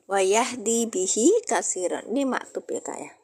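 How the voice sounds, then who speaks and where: A woman's voice: mid-range voice, lively intonation, moderate pace, darkish tone, slightly rough. A woman teaching Quranic Arabic grammar in a casual livestream, chatting with viewers' comments.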